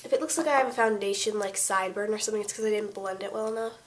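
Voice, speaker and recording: A woman's voice: medium pitch, rapid-fire, a little hiss or hum. A teenage girl with a cold and a congested voice, chatting her way through a casual makeup tutorial with lots of fillers and self-corrections. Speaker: beauty vlogger.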